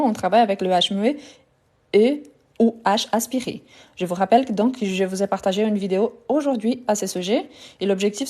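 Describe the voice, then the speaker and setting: A woman's voice: mid-range voice, warm tone. A woman teaching a live online French lesson, patiently repeating each word to drill pronunciation and speaking directly to her viewers.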